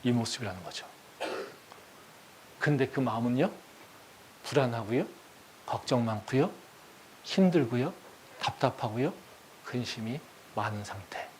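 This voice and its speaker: A male pastor preaching a sermon, speaking emphatically, posing rhetorical questions and swinging between soft and loud delivery. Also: mid-range voice, expressive, unhurried, pauses often, slight background noise.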